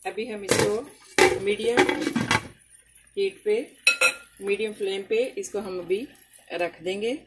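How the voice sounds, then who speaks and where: Slow-talking woman over loud sizzling. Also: mid-range voice, steady tone. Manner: unhurried, talking through each step with fillers. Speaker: home cooking channel host. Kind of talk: casual cooking tutorial voice-over. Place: home kitchen at the stove. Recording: loud cooking noise behind voice. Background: loud sizzling and frying from the pan.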